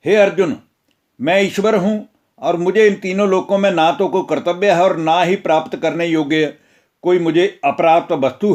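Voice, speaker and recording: A man voicing a calm, solemn divine teacher who gives measured instruction in a scripture retelling. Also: sits high.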